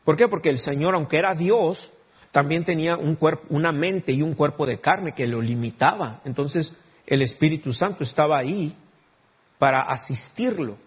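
A man's voice: on the high side, normal speed, breathy edge, lo-fi sound. A male pastor preaching a sermon, often turning to the congregation with questions. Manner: keeps asking the congregation rhetorical questions.

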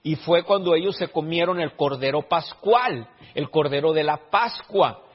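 Male pastor, husky and fairly high, preaching in a big echoing church on a dull lo-fi recording. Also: normal speed. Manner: many restarts and stammers, rising to emphatic preaching. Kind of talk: sermon. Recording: dull lo-fi sound with long hall reverb.

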